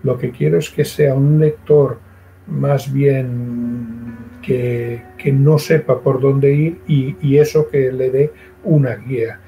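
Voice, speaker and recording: A man being interviewed as a guest writer, talking in a halting way, full of restarts. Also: mid-range voice, fairly even intonation, vocal fry, highs cut off, soft background music. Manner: halting, with many fillers and restarts. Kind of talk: casual interview chat.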